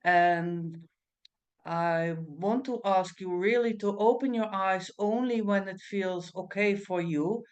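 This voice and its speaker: Slow, mesmerizing woman guiding meditation. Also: mid-range voice. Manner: non-native English phrasing. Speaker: trance meditation teacher and medium. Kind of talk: guided meditation instruction.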